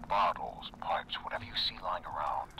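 An actor playing a terse, knowing male vigilante mentor in a noir crime game, like a hushed detective. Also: deep voice, normal speed, creaky, whispered, poor audio. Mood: coaching, cool.

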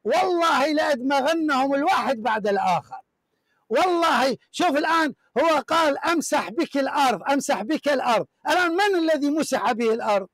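High-voiced emphatic man. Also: expressive, fairly quick, fairly bright tone, no echo. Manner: emphatic, repetitive, declaiming. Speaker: show host debating a caller. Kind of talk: heated religious debate, reading from books on screen.

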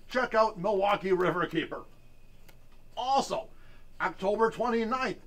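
A man's voice: high-pitched, a bit bright, full character voice. A man playing a jolly male pirate announcing store events, with hearty pirate growls between items.

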